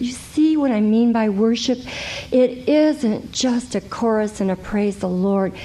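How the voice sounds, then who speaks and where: A middle-aged woman, teaching a Bible study class in a conversational way, lively and given to exclaiming as she acts out prayers. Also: mid-range voice. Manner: animated, exclaiming "ooh" and acting out prayers.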